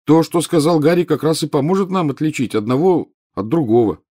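A man's voice: a little high, lively intonation, brisk, dark tone, husky, voice pushed up. A man doing a wisecracking teenage boy. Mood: cheeky. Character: cheeky teenage schoolboy, joking.

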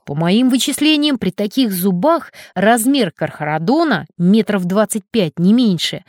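A woman's voice: medium pitch, expressive, measured pace, no room sound, natural voice. A woman voicing a bold, boastful adult male diver in a storybook reading, eager and commanding, in a dry close recording. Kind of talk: storybook character voice.

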